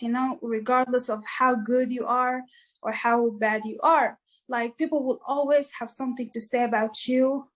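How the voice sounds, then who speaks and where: Her voice sits high, captured in a low-quality recording. She is a musician from East Africa, a guest in an interview, giving sincere, encouraging answers sprinkled with plenty of "like."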